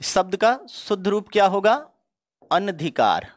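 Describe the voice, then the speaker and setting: A man's voice: high voice, big pitch swings, unhurried. A man teaching Hindi spelling for exam preparation, going word by word in a methodical, explanatory way. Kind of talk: exam-prep spelling lesson.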